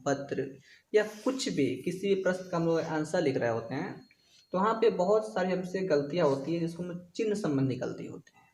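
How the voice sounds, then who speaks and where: High-voiced man teaching Hindi grammar. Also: reverberant, a little hiss or hum. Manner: explains slowly, repeats definitions, addresses viewers as guys. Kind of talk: classroom-style video lesson.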